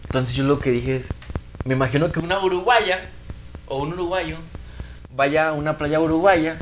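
A man's voice: fairly high pitch, moderate pace, a little hiss or hum, poor audio. A Mexican man with a Mexican accent co-hosting a casual chat, slangy and full of "güey". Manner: slangy, peppers talk with "güey". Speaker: podcast co-host.

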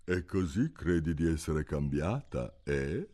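A man voicing a stern, curt pipe-smoking caterpillar in a storybook reading, with a low, slow and curt delivery. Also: very animated, dark tone, heavily acted.

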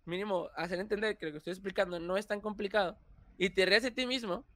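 A young man with a Mexican Spanish accent, talking as a guest in a casual interview, animated and quick to laugh. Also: sits high. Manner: animated, laughs often, restarts phrases. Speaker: YouTuber guest.

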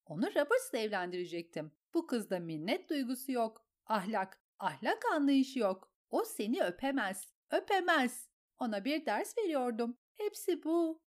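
A woman's voice: on the high side, big pitch swings, very slow, hardly any pauses, mellow, pitched above the performer's own voice, exaggerated voice. A woman voicing a hysterical, jealous noblewoman who shrieks and sobs in a storybook reading. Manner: shrieking, sobbing, pleading.

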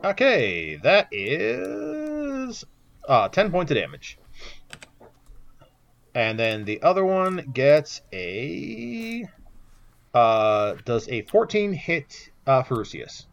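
A man's voice: on the high side, wildly swooping pitch, very slow, gravelly. A man running a tabletop game as game master, narrating the action descriptively with lots of fillers, recorded with dull lo-fi sound.

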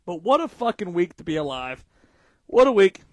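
A man in his early thirties hosts a casual sports talk show, his voice pitched high for a man. He gets loud and excitable and swears freely. The sound is dry and close to the mic. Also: normal speed, dry recording. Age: 30s. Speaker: podcast co-host.

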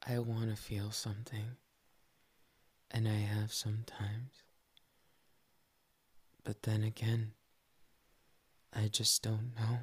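A man's voice: lowish voice, completely flat delivery, takes it slowly, pauses often, slightly rough. A man voicing a shy, playful young male cat boy in a whispered ASMR roleplay, tender and teasing, slipping "nya" into his talk. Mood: wistful. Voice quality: soft whispery delivery.

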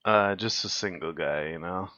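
A man's voice: deep voice, moderate pace, bright, forceful tone, no echo, lo-fi sound. A man co-hosting a casual gaming podcast, laid-back, laughing often and trailing off with uhs. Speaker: podcast co-host.

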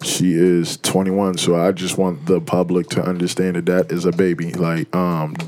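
A man in his thirties with a very deep, low voice talks through a casual chat as co-host. He speaks in halting bursts, stops and restarts his sentences, and fills the gaps with ums and uhs. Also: little pitch movement, darkish tone, dry recording. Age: 30s. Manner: halting, restarts, many fillers. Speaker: podcast co-host.

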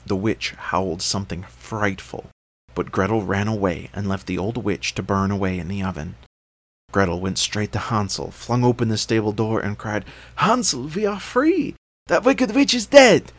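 A man reading a fairy tale aloud as a father, in a measured, steady storytelling voice. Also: lowish voice.

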